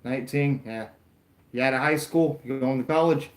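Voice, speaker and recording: Streaming himself watching a wrestling show live, a Florida YouTuber in his late twenties rambles and chats casually with viewers. His medium-pitched voice moves at a moderate pace in an echoey room as he answers chat and jokes at his own expense.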